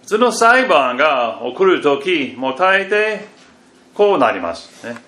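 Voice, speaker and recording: A man preaching a sermon and reading scripture, halting and restarting, with phrases that often fade very quietly at the end. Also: fairly high pitch, big pitch swings. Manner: slow and halting, with repeated fillers and restarts. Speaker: pastor. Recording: echoey room, faint background noise.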